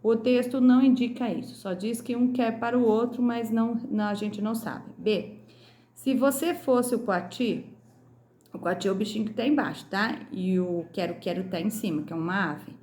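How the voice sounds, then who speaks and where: A Brazilian woman, a primary school teacher, going through a workbook lesson slowly and clearly, sounding out syllables. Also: fairly high pitch, a little mellow, echoey room. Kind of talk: recorded lesson correcting a workbook.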